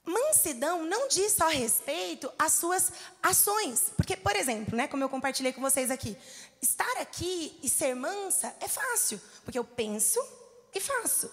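A woman's voice: sits high, big pitch swings, moderate pace, a bit bright. A woman in her thirties with a Brazilian Portuguese accent, preaching a conversational sermon and telling personal stories, acting out the lines of the people in them. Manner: conversational, storytelling with acted-out quotes. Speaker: church speaker. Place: church. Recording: long hall reverb.

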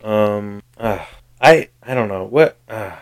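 A man co-hosting a sports podcast in casual chat, sarcastic and quick to swear. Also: on the low side. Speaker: podcast co-host.

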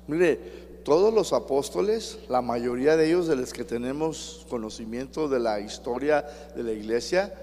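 A man's voice: mid-range voice, darkish tone. A man with a Mexican accent preaching a sermon, emphatic and speaking straight to his congregation. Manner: emphatic, addresses the congregation directly. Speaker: pastor. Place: church hall. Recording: reverberant hall with faint hum.

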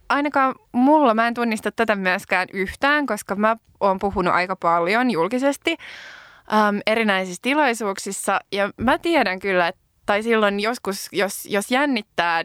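A woman co-hosting a casual podcast conversation, talking in a thoughtful, lively way with fillers. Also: medium pitch, no echo, studio quality. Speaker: podcast co-host.

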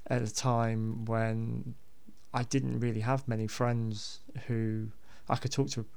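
A man's voice: mid-range voice, little pitch movement, slow pace, vocal fry, darkish tone, smooth. A man hosting a podcast, talking casually and unscripted in a hesitant, rambling way with repeated words. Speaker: podcast host.

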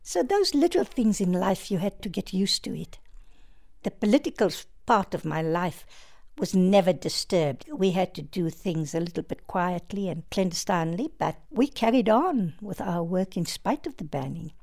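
An older woman from South Africa, a former activist, speaking calmly and measuredly about her life in a recorded interview. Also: lowish voice, normal speed.

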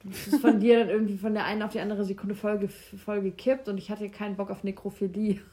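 Eine junge Frau plaudert locker im Podcast und erzählt offen und mit Lachen Anekdoten, wobei sie Zitate vorspielt. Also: female voice, mid-range voice, little pitch movement, fast, dark tone. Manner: candid, laughing, acts out quotes. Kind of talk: casual chat.

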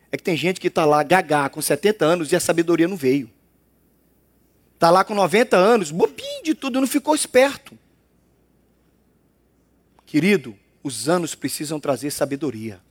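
A male pastor preaches in a playful, teasing, conversational way. His voice sits very high and swoops up and down. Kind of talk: sermon.

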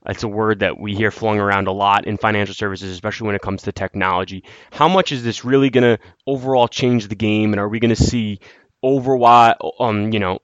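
A man's voice: lowish voice, steady tone, fairly quick, no echo. A man hosting a podcast in a conversational style, introducing topics and putting questions to his co-host. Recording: dry, dull lo-fi audio.

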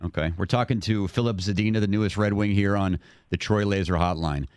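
A man's voice: on the low side, a little fast, a little mellow, clear, resonant tone, no room sound, clean studio sound. A male radio show host interviewing a caller, often stumbling and repeating words as he starts his questions.

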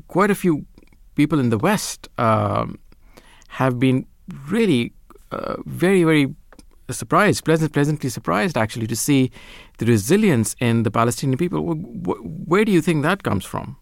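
A male radio presenter with a gravelly, creaky voice puts questions to a guest. He hesitates and stumbles as he asks, and his voice sounds dry and close to the mic. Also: mid-range voice, no echo. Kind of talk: interview questions.

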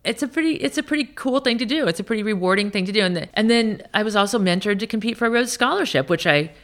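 A senior military officer in her late fifties, from Iowa, shares candid, anecdotal stories during a conversational interview, often breaking off to restart. Her mid-range voice is fast and fairly bright, with lively intonation.

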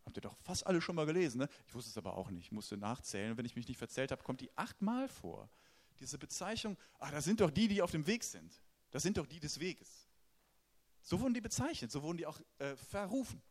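Lively, animated German-speaking preacher. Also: male voice, on the high side, brisk. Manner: lively, conversational preaching with questions to the congregation. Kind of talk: sermon.

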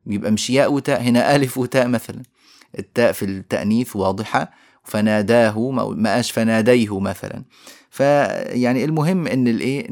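A man with an Egyptian Arabic accent giving a recorded lecture, explaining a poem on recitation. He asks questions and answers them himself, chants verse lines slowly and repeats key phrases. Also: mid-range voice, a little mellow.

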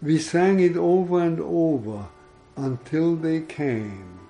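A man reading an older woman recalling a bombing, slow and grave. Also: on the high side, dark tone, soft background music.

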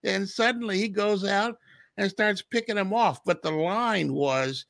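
Gravelly, sharp-toned male co-host, storytelling, dry studio. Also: sits high, unhurried, dry recording. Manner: storytelling, laughs while talking. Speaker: radio co-host, stats man. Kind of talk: casual studio chat.

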